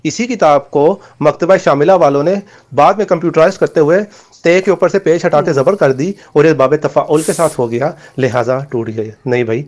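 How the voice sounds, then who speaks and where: A man's voice: on the high side, a little mellow. A man in a heated debate over voice messages, explaining his point steadily and accusing the other side.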